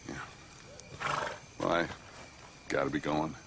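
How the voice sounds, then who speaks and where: A man playing a laconic, falsely courteous Old West robber in a western drama, with folksy, slow politeness over a deep voice. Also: little pitch movement, vocal fry, background noise, exaggerated voice. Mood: laconic, polite. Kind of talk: western film acting.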